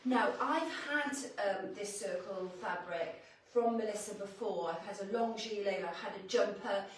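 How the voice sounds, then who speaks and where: A woman runs a live shopping stream from her clothing boutique, chatting casually and laughing as she shows off outfits. Her voice sits at a middle pitch and comes from a little way off the mic. The small shop room rings with a strong echo, and a faint hiss sits underneath. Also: moderate pace. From Wales. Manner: chatty, laughs often, talks while changing outfits. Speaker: boutique owner presenting clothes on a livestream. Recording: echoey shop room, voice from a distance.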